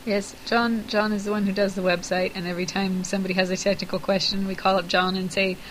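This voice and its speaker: A woman co-hosting a casual podcast, with a croaky frog voice from being under the weather. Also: medium pitch, little pitch movement, quick pace, slight background noise, rough recording. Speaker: podcast co-host.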